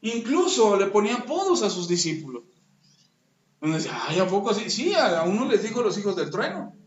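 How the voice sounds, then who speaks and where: Brief: male pastor, high voice, lively joking sermon, echoey room. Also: a little fast. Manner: lively, joking, speaks directly to the listeners. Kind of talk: sermon to a congregation. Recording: echoey room, dull lo-fi sound.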